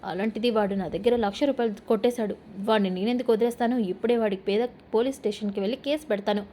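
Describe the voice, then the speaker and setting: A woman voicing an angry, domineering middle-aged mother-in-law who scolds and insults loudly. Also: mid-range voice, fairly even intonation, fast, a little hiss or hum, lightly acted. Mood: scolding.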